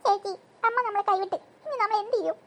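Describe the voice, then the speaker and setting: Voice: very high-pitched, fast, a bit bright. A voice actor playing a fretful younger sister in a cartoon. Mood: worried. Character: pleading little sister schoolgirl. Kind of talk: cartoon voice acting.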